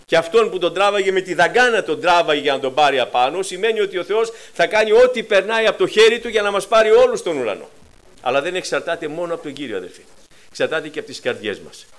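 Impassioned man preaching a sermon. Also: animated. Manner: impassioned, rises high and loud on acted cries, drops low and quiet while retelling; frequent hesitations with filler sounds.

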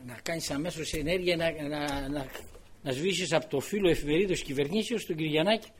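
A man's voice: a little high, slight background noise. An older man preaching a sermon, telling a personal story and acting out the quoted dialogue with many repeated words.

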